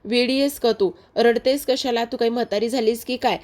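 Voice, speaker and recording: A woman's voice: fairly high pitch, fairly even intonation, brisk, a little mellow, pitched above the performer's own voice, lightly acted. Woman voicing a bossy, teasing mother-in-law. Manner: scolding, teasing.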